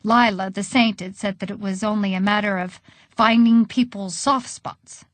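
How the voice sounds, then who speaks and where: A woman narrating an audiobook in an expressive, conversational storytelling manner. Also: mid-range voice, unhurried, no echo.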